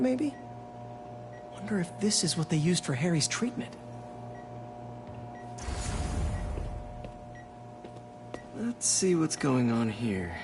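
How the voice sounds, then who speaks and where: Curious, animated young science whiz. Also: male voice, on the high side, noisy background. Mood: intrigued, eager. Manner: friendly, conversational. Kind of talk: video game acting, thinking aloud.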